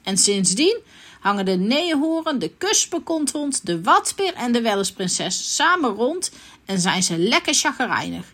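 A woman reading a children's story aloud in a playful, expressive way. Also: fairly high pitch, a little slow.

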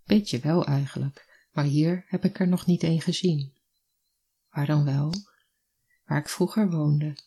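A husky-voiced reader voicing a wry, guarded young mother and teacher in a read story. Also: medium pitch, fairly even intonation, a little slow, long pauses, dark tone.

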